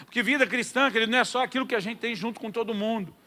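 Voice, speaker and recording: A man preaching a sermon as a pastor, telling a personal story with humor and lively delivery. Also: very high voice, racing. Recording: long hall reverb.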